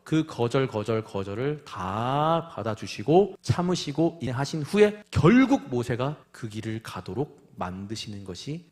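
A male preacher delivering a sermon, acting out voices in dialogue and dropping to soft, quiet endings after raised lines. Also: mid-range voice. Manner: animated, acts out God and Moses in dialogue.

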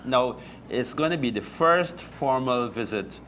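A man, chatting as a guest at a breakfast table and often pausing and restarting his sentences. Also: medium pitch, animated, a bit bright, a little hiss or hum. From Guyana. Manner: halting, many restarts and fillers. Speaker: deacon guest. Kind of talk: casual chat. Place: small room with table, indoors. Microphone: lapel.

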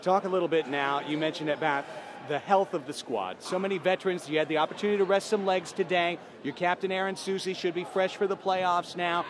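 A high-pitched man reporting from an indoor arena floor after a match. He asks brisk, stat-heavy questions, and faint arena noise hums behind him. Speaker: sports reporter. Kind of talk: postgame field interviews.

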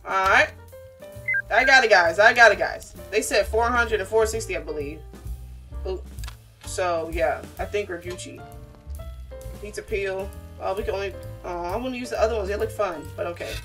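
Young woman, gaming streamer, bright forceful voice, animated slangy self-talk, casual commentary, faint music behind. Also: medium pitch, normal speed, distant mic. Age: young adult. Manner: animated, slangy, talks to herself and viewers.

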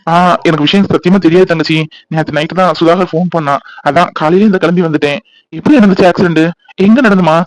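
A man's voice: on the high side, fast talker, dry recording, lightly acted, poor audio. A man voicing a generous old college friend in a cartoon, reassuring and soothing, with speech. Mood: concerned. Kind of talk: cartoon voice acting.

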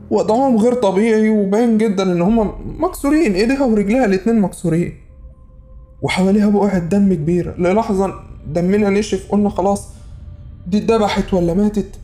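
A man with an Egyptian Arabic accent and a high, mellow voice tells a horror story in the first person. He sounds frantic and urgent, repeating himself for effect.

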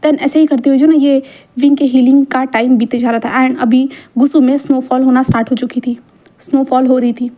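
A woman's voice: high-pitched, steady tone, fairly quick, warm tone. A woman narrating a fan fiction love story in a chatty storytelling manner, full of fillers. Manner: chatty code-mixed storytelling, many fillers.

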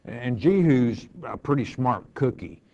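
A man's voice: medium pitch, expressive, unhurried, darkish tone, lo-fi sound. A male pastor teaching verse by verse, reading scripture aloud and then explaining it in plain words.

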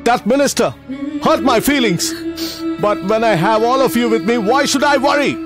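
A distressed schoolteacher who runs a school for poor children, talking in a high, pained voice. He pleads and apologizes with deep emotion. Faint film music plays under this dubbed drama. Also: moderate pace. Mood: tender.

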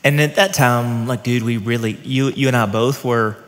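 A man's voice: medium pitch, fairly even intonation, normal speed. A man in his thirties, a pastor, interviewing a colleague in a friendly, informal way on a church stage with a headset mic. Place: church stage set with armchairs. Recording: long reverb of a large hall.

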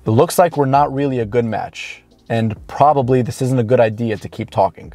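In a parked car, with background music and no room sound, a dating coach around thirty speaks to camera at a medium pitch with a warm tone. His advice comes across blunt, informal and emphatic, with drawn-out key words.

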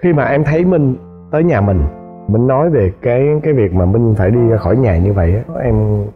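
A man hosting a talk show, asking quick probing questions. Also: mid-range voice, animated. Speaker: host. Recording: dull, lo-fi with music.

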